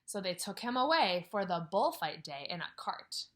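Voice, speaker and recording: A woman's voice: medium pitch, normal speed. A woman who teaches kindergarten, reading a picture book aloud at home and stopping to ask the children questions, sometimes dropping to a whisper. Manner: expressive storytelling with questions to children, drops to whispers. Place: at home, near a couch.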